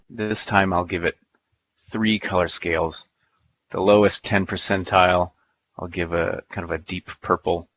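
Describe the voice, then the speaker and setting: A man walks through a software demonstration in a playful, folksy way, thinking aloud as he goes. His voice sits a little low. The recording is dull and lo-fi, like conference audio. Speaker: presenter. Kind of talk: live software demo talk.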